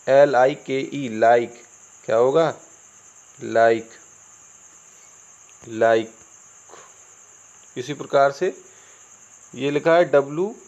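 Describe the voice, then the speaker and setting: In a mid-range, gravelly and somewhat mellow voice, a man with an Indian accent, natively a Hindi speaker, gives a classroom-style English lesson. He spells out words letter by letter and asks and answers his own questions, over a dull lo-fi recording with crickets in the background.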